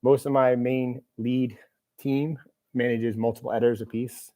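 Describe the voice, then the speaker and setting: Chatty man with a mellow voice. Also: medium pitch, little pitch movement, normal speed. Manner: rambling, self-deprecating, chatty with fillers. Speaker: host of a live Q&A. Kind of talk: casual live-stream chat. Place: room with a camera operator.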